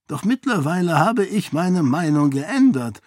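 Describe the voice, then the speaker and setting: A man's voice: fairly high pitch, sing-song, measured pace, a little mellow, dry recording, clean studio sound, pitched above the performer's own voice. Man voicing a grave old duke.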